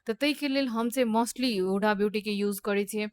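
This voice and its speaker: A woman hosts a beauty tutorial as a makeup instructor. She talks at an ordinary pitch, pausing often with fillers and slipping English phrases in. The sound is dry and close, with no room echo. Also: a little mellow. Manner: hesitant, with frequent pauses and fillers, mixing in English phrases.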